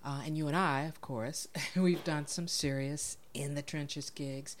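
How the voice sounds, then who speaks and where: Low-voiced chatty woman host. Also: fairly even intonation, a little slow, slight background noise. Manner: chatty, laughs often, many fillers. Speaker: podcast host. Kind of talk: casual interview.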